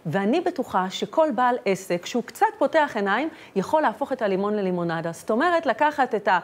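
A woman's voice: medium pitch, lively intonation. A woman guest, a business and personal mentor, talking casually and emphatically in a TV studio.

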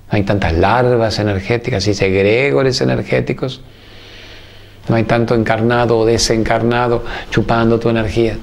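Argentine guy with a gravelly voice, preachy spiritual host, keeps hammering lists of phrases. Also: on the low side. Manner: emphatic, preachy, strings repeated phrases. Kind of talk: spiritual talk to viewers.

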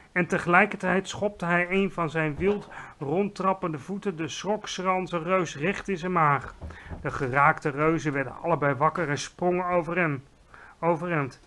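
A man reading a children's book aloud with lively, expressive narration. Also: on the high side, slight background noise. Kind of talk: storybook read-aloud.

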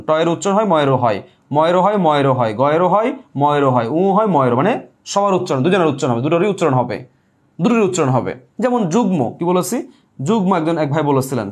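Young man teaching a live online class. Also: on the high side. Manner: explains step by step, repeats words and asks the class questions. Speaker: online Bengali tutor. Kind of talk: live online class, reading viewer comments.

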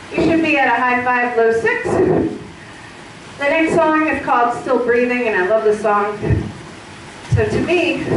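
A woman cycling hard as she leads a spin class, out of breath, giving motivational talk in short bursts. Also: sits high. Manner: exerting herself, speaking in short bursts while cycling hard. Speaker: indoor cycling instructor. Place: large indoor fitness studio, on a spin bike. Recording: echoey, noisy gym, far from camera.

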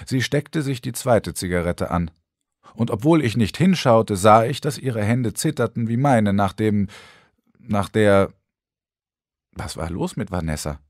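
A man narrating an audiobook with expressive, storytelling delivery. His pitch moves a lot through each sentence. The recording is dry and close-miked. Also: measured pace, no room sound. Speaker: audiobook reader.

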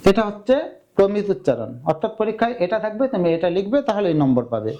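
A young male teacher gives a step-by-step grammar lesson for exam preparation. His voice sits high for a man yet sounds warm and mellow. He keeps asking his students questions and answering them himself. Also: big pitch swings, fast.

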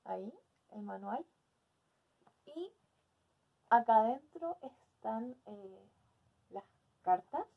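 A woman's voice: fairly high pitch, expressive, very slow, pauses often, breathy edge, narrow, tinny audio. A young adult woman hosting a casual unboxing video, speaking with hesitant phrasing in a small indoor room. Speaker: video host.

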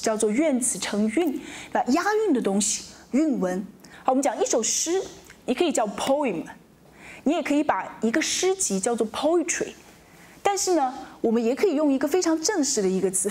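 A woman teaching a lesson on English poetry meter, checking in with her listeners often and reading verse lines slowly with stressed syllables. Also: a little high. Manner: lively teaching voice with frequent rhetorical check-ins. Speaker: literature teacher.

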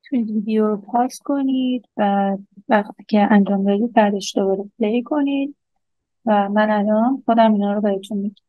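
A woman teaching English grammar, saying each English example slowly and deliberately before explaining it. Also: on the high side, no echo. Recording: dull lo-fi sound.

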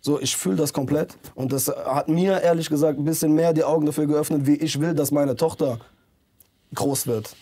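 A man in his thirties talks earnestly in a music studio interview, rambling through fillers and restarts. His voice is mellow and dark, and he speaks into a handheld mic held out to him. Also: on the high side, fairly even intonation, moderate pace, slightly rough. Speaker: rapper, interview guest. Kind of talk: casual interview talk.

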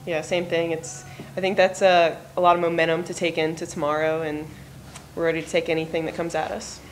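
A young woman, a college softball player, giving brief, matter-of-fact postgame answers. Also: low voice, little pitch movement, brisk, a little hiss or hum. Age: young adult. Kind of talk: postgame press conference answers. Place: press conference room, indoors. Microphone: table microphone.

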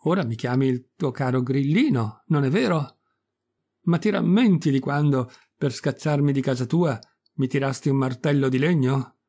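A man reading the part of a wise talking cricket in an audiobook, with a calm, lecturing tone. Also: mid-range voice, moderate pace, husky. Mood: reproachful.

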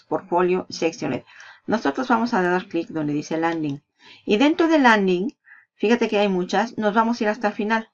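A woman's voice: medium pitch, creaky. A woman giving a chatty screen-share marketing tutorial, explaining each step with asides. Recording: slightly dull lo-fi sound.

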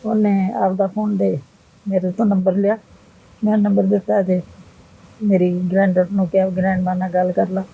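A woman's voice: mid-range voice, little pitch movement, normal speed, gravelly, mellow, breathy edge, low-quality recording. An older woman, telling her story plainly in an interview. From Punjab. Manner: plain storytelling, retelling others' words. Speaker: interview guest. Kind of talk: emotional interview.

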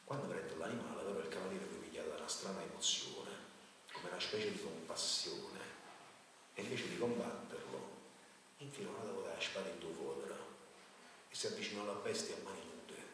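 Male author reading a fable aloud; very low voice, large reverberant hall. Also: brisk, background noise. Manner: storytelling, dialect-flavored. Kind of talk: reading a story aloud at a book event. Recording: echoey hall, voice from far.

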